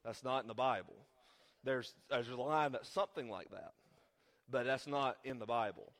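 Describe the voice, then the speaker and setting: A man's voice: medium pitch, normal speed, fairly bright tone. A man preaching a sermon as the pastor while sick, with rambling, joking asides. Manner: rambling, self-deprecating asides. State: sick, under the weather. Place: church sanctuary.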